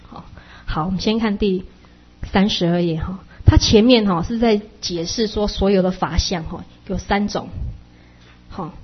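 A woman giving an explanatory Buddhist dharma talk, chatty and full of soft sentence-ending particles. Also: mid-range voice, normal speed, slightly rough, muffled recording.

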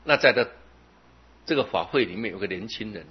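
A man's voice: fairly low pitch, animated, fairly quick, a little hiss or hum. A man giving a Buddhist sermon, telling stories with many filler particles. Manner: storytelling, with frequent filler particles. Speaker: Buddhist teacher. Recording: dull lo-fi recording.

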